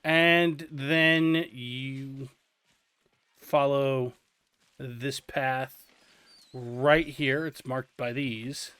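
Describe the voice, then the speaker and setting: A male host walks through a video game in a casual way, explaining each step at a relaxed, drawn-out pace. His voice is mid-range and clean, with no echo.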